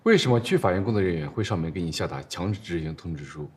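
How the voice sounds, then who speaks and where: A deep-voiced probing judge. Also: male voice, animated, a little mellow. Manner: probing, deliberate questions.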